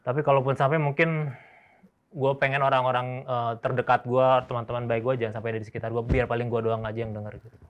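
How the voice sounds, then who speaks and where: Fast-talking teasing male interviewer. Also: mid-range voice, little pitch movement. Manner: teasing, interrupting, rapid-fire questions. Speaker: interviewer and host. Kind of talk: mock-serious comedic interview.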